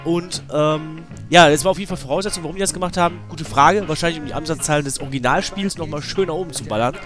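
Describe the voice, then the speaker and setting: Fast and fairly high-pitched, this man's voice has a fairly bright tone and a slight cold to it. He's a let's player delivering loose, slangy, meandering commentary over video game music.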